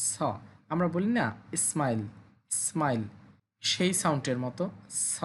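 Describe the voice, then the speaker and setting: Low-voiced woman teaching pronunciation. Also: slight background noise. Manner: patient, repeats sounds slowly for learners. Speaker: language teacher. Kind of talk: classroom pronunciation lesson.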